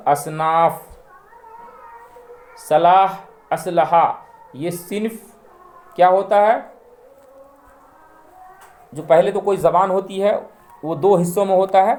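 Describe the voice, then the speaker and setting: A male teacher works through a grammar lesson, saying each word and its plural and often repeating them for students. His voice sits a little high for a man, and he speaks very slowly and deliberately. The recording carries a noticeable room echo. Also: a little mellow. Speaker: language teacher.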